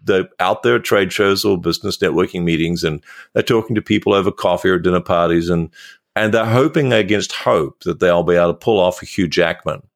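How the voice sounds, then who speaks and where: A male podcast host in a relaxed interview, telling self-mocking stories and laughing often. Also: low-pitched, a little fast, creaky. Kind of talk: conversational storytelling.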